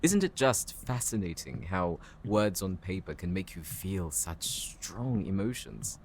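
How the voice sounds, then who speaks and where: Man acting a low-voiced, courteous professor. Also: sing-song, a little slow, slight background noise, full character voice. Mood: courteous, helpful. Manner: polite, formal, composed. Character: courteous, bookish male professor, calm and considerate. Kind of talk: scripted audio roleplay addressed to the listener.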